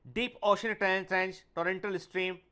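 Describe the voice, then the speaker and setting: High-voiced man teaching biology. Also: fairly even intonation, bright, forceful tone, smooth. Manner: mixes Hindi and English, slows to read English lines aloud; calls students "beta", often adds "theek hai". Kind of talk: online exam-prep lecture.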